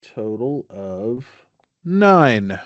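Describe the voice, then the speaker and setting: Slow-talking man over a muffled dry mic. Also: medium pitch, sing-song, no room sound. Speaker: player. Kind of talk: tabletop game play.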